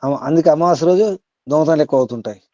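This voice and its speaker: Dark-voiced male teacher quizzing his listeners. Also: a little high, dry recording, lo-fi sound. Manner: questions listeners directly, recites Sanskrit verses slowly. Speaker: spiritual teacher. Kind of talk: teaching over an online call.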